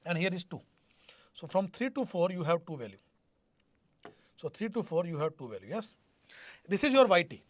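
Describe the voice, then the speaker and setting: High-pitched North Indian man teaching live. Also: very animated, normal speed, long pauses, no echo. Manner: repetitive, question-prompting, addresses students directly. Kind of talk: live online exam-prep lecture.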